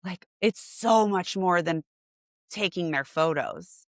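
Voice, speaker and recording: A woman in her forties, a portrait photographer, talking in a casual interview and lively acting out her clients' excited reactions. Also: on the low side, slow, no echo, studio quality.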